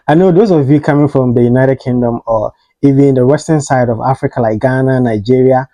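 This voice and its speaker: A man hosting a casual spoken pronunciation lesson, explaining patiently and repeating example words slowly for practice. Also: mid-range voice, mellow, no room sound, low-quality recording. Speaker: host.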